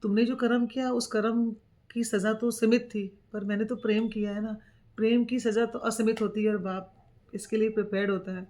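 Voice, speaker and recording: Woman voicing a calm loving father. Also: on the high side, a little fast, lightly acted.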